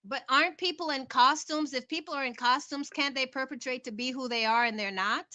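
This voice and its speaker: A woman's voice: high voice, a little fast, sharp tone, no room sound. A woman calling in to an informal panel, asking questions and insistently repeating her points. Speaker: panel caller.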